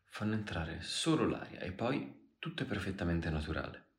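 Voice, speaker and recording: A man with a very deep voice reading the part of an American man who talks in a reassuring, persuasive way. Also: animated, normal speed, echoey room. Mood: coaxing. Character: American man, coaxing and insistent.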